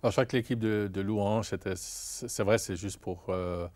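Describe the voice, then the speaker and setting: A man's voice: fairly low pitch, steady tone, normal speed, a little mellow. A man speaking as a guest in a studio interview, earnest and hesitant, often repeating words as he talks.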